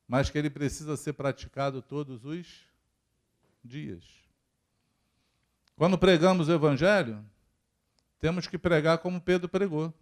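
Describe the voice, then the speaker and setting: Brazilian pastor preaching conversationally. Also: male voice, a little high, measured pace, long pauses. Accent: Brazilian Portuguese. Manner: conversational preaching, rhetorical questions to the congregation. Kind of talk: sermon. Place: church.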